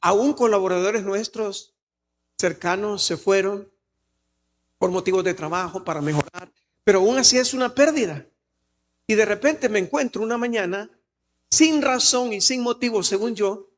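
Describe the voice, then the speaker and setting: A man's voice: high-pitched, moderate pace. A man with a Salvadoran Spanish accent preaching a sermon in a church, earnest and personal, sometimes rising to emphatic exclamations. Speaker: pastor.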